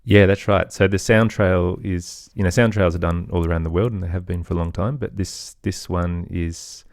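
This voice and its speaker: At a normal pace, a middle-aged man speaks low and darkish with fairly even intonation, recorded dry at studio quality. A musician and storyteller on a podcast, he answers interview questions reflectively and loosely, hedging with "sort of" and "kind of."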